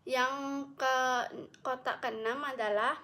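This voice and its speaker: High-voiced young woman presenting coursework. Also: fairly even intonation, takes it slowly, bright, forceful tone. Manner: careful explanatory reading with frequent self-corrections. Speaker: medical student. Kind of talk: recorded class presentation.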